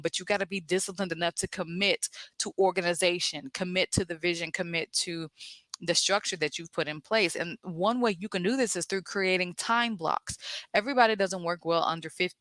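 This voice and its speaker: A woman with a Southern US accent hosting a solo podcast, coaching therapists in a direct, energetic way with rhetorical questions. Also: fairly low pitch, dry recording.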